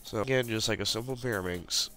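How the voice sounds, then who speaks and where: Sniffling and congested from the flu, this man casually narrates a puzzle tutorial over a screen recording, clicking as he explains each step. His voice is fairly low in pitch, and he talks fast with a pushed, bright tone.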